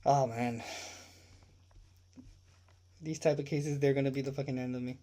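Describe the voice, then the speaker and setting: A man hosting a livestream about true crime, his voice dark and mellow. He rants with open indignation, swearing freely and firing off rhetorical questions. He circles back to repeat his points for emphasis. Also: medium pitch, steady tone, normal speed. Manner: indignant ranting with profanity.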